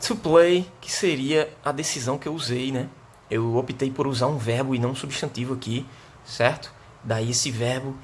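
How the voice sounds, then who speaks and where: A man's voice: medium pitch, slight background noise. A male teacher from Brazil with a Northeastern Brazilian accent, giving a remote lesson and explaining step by step, often checking in with the class. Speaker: English teacher.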